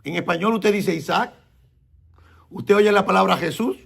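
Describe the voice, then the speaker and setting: A man's voice: high-pitched, creaky, a bit bright, husky. A man, a messianic rabbi, teaching a sermon and questioning the congregation as he explains. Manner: explains slowly and repeats words, asks the congregation questions.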